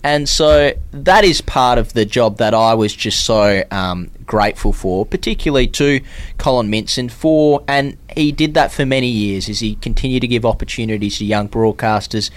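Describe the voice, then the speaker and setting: An Australian man co-hosting a podcast, speaking in a measured, appreciative way about his community radio years. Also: mid-range voice, no echo. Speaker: podcast co-host, former community radio broadcaster. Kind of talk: casual chat.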